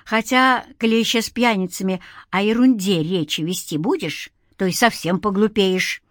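A stout old village granny who scolds with sharp, bossy force, as a woman puts her on. She rises high and loud when she chides. The sound is dry and close. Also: moderate pace, dry recording, natural voice. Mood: chiding.

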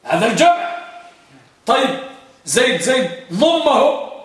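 A man teaching Arabic grammar to a class, quizzing students by name and drawing out example words slowly. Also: very high voice, very animated, a bit bright. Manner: drills students with repeated questions, drawn-out examples. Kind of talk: classroom lesson, questioning students. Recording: very echoey room, mic far off.

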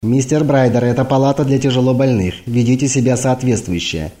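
A man's voice: medium pitch, fairly quick, warm tone, natural voice. A man reading an audiobook, voicing a prim, exasperated hospital doctor who speaks formally and stiffly.

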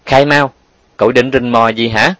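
A man reading an audiobook and voicing a gruff older working man who speaks bluntly and threateningly. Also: lowish voice, fairly even intonation, brisk, fairly bright tone, no echo. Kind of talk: audiobook character voice.

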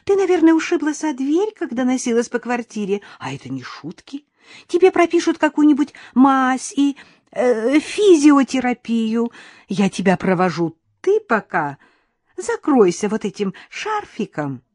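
A woman's voice: sits high, sing-song, measured pace, a little mellow, no room sound, studio quality, pitched above the performer's own voice, heavily acted. A woman voicing a scheming middle-aged mother-in-law who coos in a sugary, cloying way, in an audiobook. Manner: cloying, lisping-sweet cooing.

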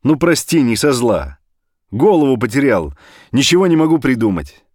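A man voicing a desperate middle-aged father who pleads and shouts down a phone. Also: mid-range voice, very animated, normal speed, dry recording, clean studio sound, pitched above the performer's own voice. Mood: agitated.

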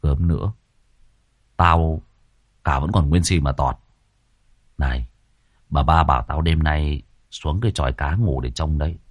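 A man's voice: rumbling low, unhurried, pauses often, no echo, clean studio sound, pitched below the performer's own voice. A man voicing a timid young male servant who stammers and talks deferentially. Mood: grumbling.

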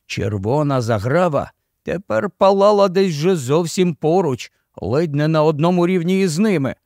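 A man narrating a fantasy audiobook in an even, storytelling delivery. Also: fairly high pitch, normal speed, dry recording, clean studio sound. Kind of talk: scripted narration.

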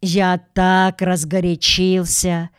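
A polite little bear cub from a storybook, earnest and apologetic, as a woman reads him. His voice sits fairly low and smooth, the words clear in a dry, close sound. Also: monotone, slow pace, no room sound.

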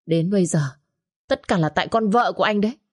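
A woman voicing a domineering older mother-in-law who scolds and hurls insults in quick bursts. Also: medium pitch, lightly acted. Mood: bitter, complaining.

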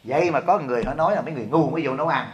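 Lively Vietnamese monk giving a joking sermon. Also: male voice, fairly high pitch, very fast. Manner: lively, joking, talks to the audience with questions. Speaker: abbot giving a dharma talk. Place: temple hall.

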